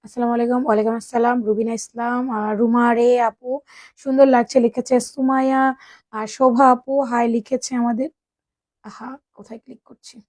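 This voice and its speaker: A woman sells clothes on a live stream. She speaks softly, greets viewers by name and keeps checking that they can hear her. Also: a little high, little pitch movement, fairly quick, dry recording. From Bangladesh. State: sore throat, speaking softly. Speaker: online clothing seller.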